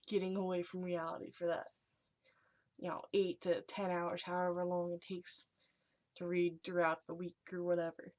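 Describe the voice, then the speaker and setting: A young adult woman vlogging in a hushed, whispery voice, chatting casually as she reads and reacts to short messages. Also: fairly low pitch. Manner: hushed, whispery delivery, as if sharing secrets.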